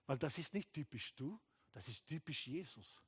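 Animated German-speaking male pastor preaching. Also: a little high, moderate pace, slightly rough. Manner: animated, mixes English phrases into German, acts out dialogue. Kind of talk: sermon. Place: church hall.

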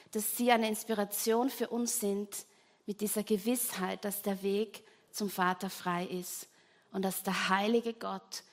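Eine Frau predigt ernst und eindringlich und spricht die Zuhörer direkt an. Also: female voice, mid-range voice. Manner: earnest, emphatic, addresses listeners directly. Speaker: preacher. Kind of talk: sermon.

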